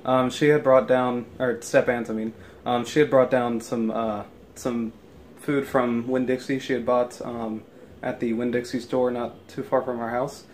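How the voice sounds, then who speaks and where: In a casual daily vlog, a young adult man speaks into a handheld camera at arm's length, his mid-range voice flat, measured and a little mellow. He is congested from allergies and rambles with many ums and restarts, indoors in a house and outside near it, with slight background noise.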